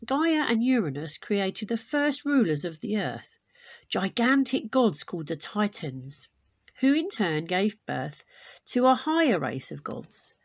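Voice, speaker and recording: A woman teacher with a lowish voice reads a storybook aloud to her pupils. She's expressive and deliberate, pausing to add explanations.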